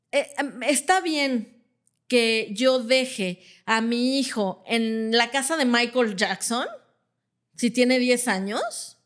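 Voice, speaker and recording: A woman psychologist explains things in a conversational way. Her voice sits a little high. She checks in often with short questions and acts out the parents she quotes. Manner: explains with everyday examples, often checks with "¿no?" and "ajá". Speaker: clinical psychologist guest.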